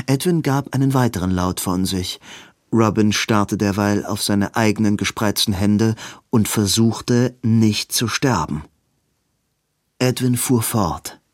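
A male audiobook narrator reading fiction in a lowish voice at a very slow, unhurried pace. The recording is dry and close, with no room sound. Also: darkish tone, dry recording. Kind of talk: scripted narration.

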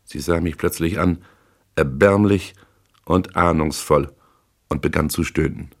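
A man narrates a first-person crime novel in a measured, dry, hard-boiled way. His voice sits very low. The reading is steady and unhurried. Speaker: audiobook narrator.

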